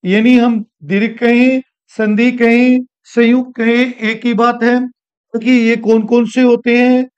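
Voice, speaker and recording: Male teacher, classroom grammar lesson, clear resonant voice, asks and answers own questions, repeats points. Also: extremely high pitch, level tone, unhurried, muffled recording. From India. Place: school classroom.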